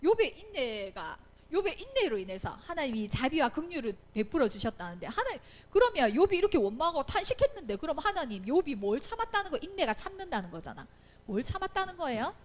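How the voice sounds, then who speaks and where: A woman leads a children's Bible lesson in a high voice with wide, lively swings in pitch. She acts out the quoted lines as she goes and keeps checking that her young listeners follow along. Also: fast. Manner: animated, acts out quoted voices, asks "right?" often. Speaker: Sunday school teacher.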